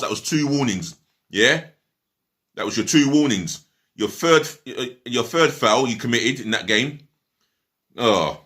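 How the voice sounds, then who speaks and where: Blunt low-voiced man reviewing a match. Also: sharp tone. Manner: blunt, swears freely, rambling with fillers; talks while eating. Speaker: football fan reviewer. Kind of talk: casual match review vlog.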